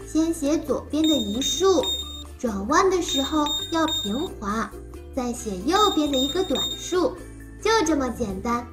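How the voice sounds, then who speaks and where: High-pitched little cartoon creature, toddler teacher. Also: female voice. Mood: cheerful, praising. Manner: simple, exaggerated, encouraging talk, as if reading to a toddler. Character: little pink cartoon creature Le'er, cheerful child-like phonics teacher. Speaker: children's phonics teacher. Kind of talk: animated lesson for small children.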